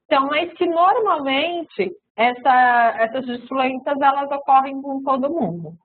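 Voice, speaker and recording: A woman's voice: high-pitched, lively intonation, unhurried, slight background noise. A woman with a Brazilian Portuguese accent giving a recorded web-conference lecture, explaining step by step with frequent fillers and tag questions. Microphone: web conference microphone. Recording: tinny phone-like web conference audio.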